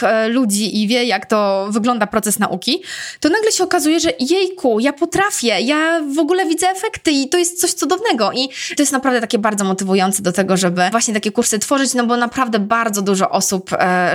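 A young woman, a trainer as podcast guest, explaining with lively examples. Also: medium pitch. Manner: animated, explains with vivid examples and acted quotes. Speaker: guest, personal effectiveness trainer. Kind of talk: podcast interview.

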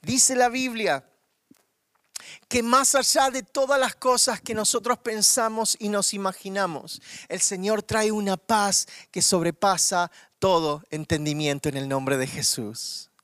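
A man preaching a fervent sermon with a Rioplatense accent, swinging from loud bursts to hushed words. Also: high voice, steady tone, unhurried, no echo, clean studio sound. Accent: Rioplatense Spanish. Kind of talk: online Easter sermon.

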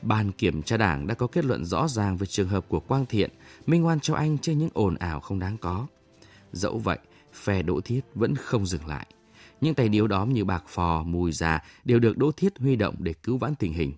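Lively low-voiced man presenting on radio. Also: moderate pace, soft background music. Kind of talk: scripted programme outro with story teaser.

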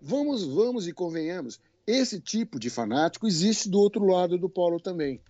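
A man with a Brazilian Portuguese accent, a guest telling stories in a colloquial, animated way and swearing now and then. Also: sits high, moderate pace, no echo, muffled recording. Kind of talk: casual podcast conversation.

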